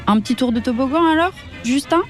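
A woman voicing a sulky, lively little girl in a children's storybook, talking high and excitedly. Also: fast, soft background music, close to an everyday voice. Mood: pleading.

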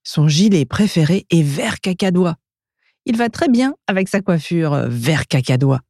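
A French woman reading a children's storybook aloud in a lively, expressive way. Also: lowish voice, a little slow, no room sound, studio quality.

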